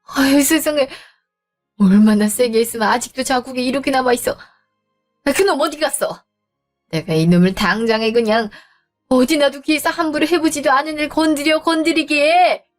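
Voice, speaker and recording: A woman's voice: on the high side, expressive, moderate pace, pauses often, faint music behind, lightly acted. A woman voicing a worried older mother in an audio drama, fussing and indignant. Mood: alarmed.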